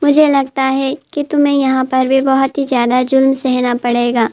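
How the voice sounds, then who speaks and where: Woman voicing a gentle young woman healer, protective, soothing, high-pitched, even tone, storybook retelling. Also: normal speed, natural voice. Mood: caring. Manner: soothing, urging rest.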